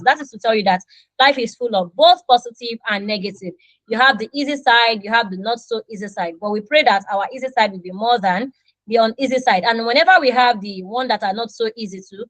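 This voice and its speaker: With a fairly high pitch, a Nigerian woman in her thirties who grew up speaking Yoruba animatedly performs small example conversations with students in her online English class. The recording is rough, with no room sound.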